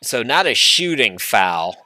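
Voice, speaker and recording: A man calling a basketball game play-by-play, chatty and prone to rambling asides between excited calls. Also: mid-range voice, slow, no room sound. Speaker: play-by-play announcer.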